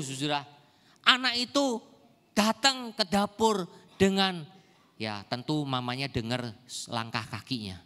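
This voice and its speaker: A man's voice: high voice, pushed and bright. An older man preaching a sermon in a church service, often asking the congregation rhetorical questions. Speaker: pastor. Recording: echoey church hall.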